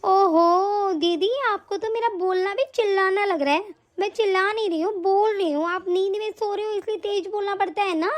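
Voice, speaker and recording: Woman doing a sarcastic nagging bhabhi in a cartoon, super high voice, always griping. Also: fairly even intonation, normal speed, hardly any pauses. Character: scolding sister-in-law, sharp-tongued, grudging housewife. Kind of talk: animated story voice acting.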